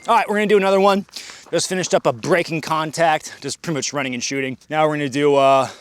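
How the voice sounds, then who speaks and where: A man's voice: fairly high pitch, fairly even intonation, fast talker, noisy background. A man talking casually and informally to camera as a vlog host, outdoors, with plenty of slang. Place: outdoors in trenches at a shooting range.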